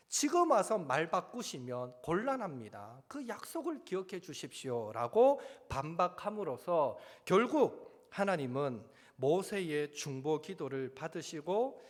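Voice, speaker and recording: A male pastor with a Gyeongsang accent delivers a sermon in a high, lively voice. His pitch swings widely as he questions the congregation and drifts into homely asides. A long reverb from the sanctuary trails every phrase. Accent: Gyeongsang Korean.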